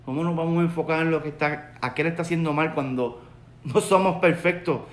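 Fairly high in pitch and a little fast, a Puerto Rican man in his forties, a rabbi with a Puerto Rican Spanish accent, delivers an earnest Torah lesson. He addresses a webcam from his home study full of bookshelves and keeps repeating his central points. The recording has a roomy echo.

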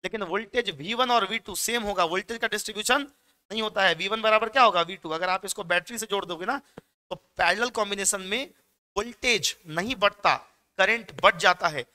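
Chatty male physics teacher, bright voice. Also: high voice, a little fast, clear, resonant tone. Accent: Bihari Hindi. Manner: chatty teacher, mixing Hindi and English terms, joking asides. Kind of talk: exam-prep lecture.

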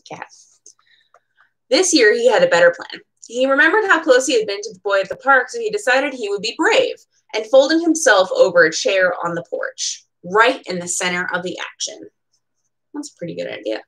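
Recorded at low quality, a woman in her twenties with an American accent reads a children's picture book with expression at storytime, dropping in casual, chatty remarks. She's a bookseller in a small room at home, her medium-pitched voice sing-song, a bit bright and at normal speed.

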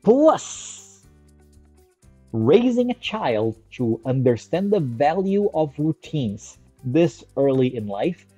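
Teaching infant care casually to a webcam, this thirty-something Brazilian native Portuguese speaker sits in a small room with a screen on the wall, faint music playing beneath a dry, slightly dull sound with no room sound. His voice is mellow, warm, and husky, a little high with big pitch swings, and slow, yet he talks with energy. He checks in with "right?" and draws out each new list heading.

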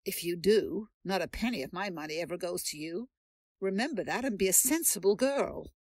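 A woman's voice: medium pitch, expressive, moderate pace, a little mellow, dry recording, clean studio sound, lightly acted. A woman playing Aunt March, a haughty old scold. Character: stern elderly rich aunt, imperious and scolding. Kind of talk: radio drama acting.

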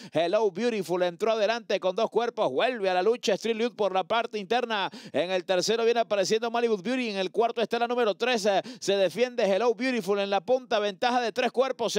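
High-pitched male horse race commentator. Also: clean tone, no echo, clean studio sound. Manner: excited motorsport-style calling, drawn-out winner calls.

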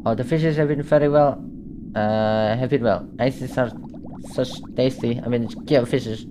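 A man's voice: mid-range voice, steady tone, unhurried, background noise, lightly acted. A man doing a posh seagull guide. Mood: cheery. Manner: posh, chatty tutorial narration. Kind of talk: reading game dialogue aloud.

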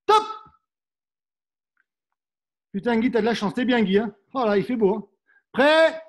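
Man, very high voice, fencing coach, middle-aged, coaxing, instructive, demonstrating while moving. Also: steady tone, fast, a little mellow. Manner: coaxing, instructive, sprinkles "hein". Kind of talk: live online workout class.

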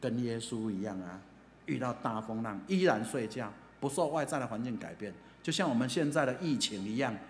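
A man with a Taiwanese Mandarin accent preaches in a chatty, animated storytelling manner, full of filler particles. His voice sits at a middle pitch. The church hall echoes with long reverb over a faint ambience. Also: fairly quick, a little hiss or hum. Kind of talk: storytelling sermon.

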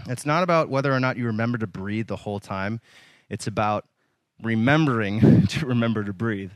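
A man leading a yoga workout, giving calm, encouraging cues with light humor and sometimes slightly out of breath. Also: fairly low pitch, a little fast. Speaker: yoga instructor. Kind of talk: guided yoga class instruction.

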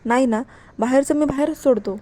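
An angry, stressed young husband snaps out short, reproachful questions, read by a woman in her own voice. The voice is fairly high and soft in tone. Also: brisk, lightly acted.

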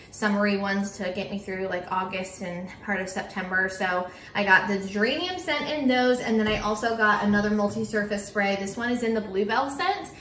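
Young female home vlogger, casual and chatty, mid pitch, roomy sound. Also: fairly bright tone, recorded from a distance, a little hiss or hum. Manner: chatty, with frequent "um" and "like". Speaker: cleaning vlogger and teacher. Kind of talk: casual chat to camera. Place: kitchen table at home, indoors.

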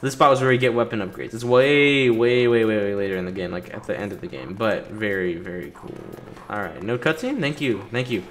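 A gaming video host delivers casual let's play commentary, griping with impatient sarcasm. His fairly low voice moves briskly with few pauses, and faint game music plays behind him.

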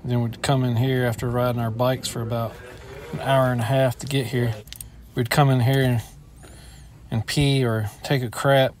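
A man's voice: medium pitch, little pitch movement, moderate pace, slight background noise. A middle-aged man walking through an indoor shopping mall with a handheld phone, complaining bluntly as he films. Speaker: vlogger. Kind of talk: walking mall tour vlog.

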